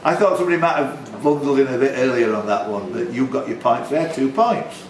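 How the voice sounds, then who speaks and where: A pub quiz host reads out questions, sprinkling in teasing jokes and chatty remarks, while a crowd murmurs behind him. His mid-range voice is expressive and a little fast. The tavern quiz room sounds roomy and faintly noisy on the live recording.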